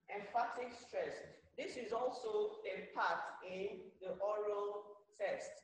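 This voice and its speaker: Slow-speaking Nigerian woman teacher, echoey. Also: medium pitch. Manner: slow, deliberate, repeats key phrases. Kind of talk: recorded class lesson. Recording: very echoey room.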